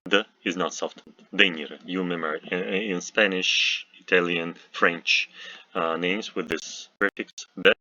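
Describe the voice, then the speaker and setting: Slow, deep-voiced Russian-accented male teacher. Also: steady tone, bright, forceful tone, dry recording, lo-fi sound. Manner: slow and deliberate, with frequent "uh" pauses and repeated example words. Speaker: language teacher. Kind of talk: recorded language lesson.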